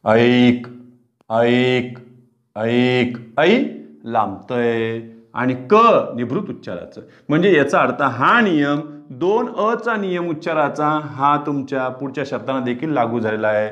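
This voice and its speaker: A male teacher at a middle pitch takes a class through pronunciation, saying each word several times and drawing out the sounds. He asks a question and then answers it himself. The recording sounds a little dull and lo-fi. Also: lively intonation, a bit bright. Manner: repeats words aloud slowly, drawing out sounds, asks and answers own questions.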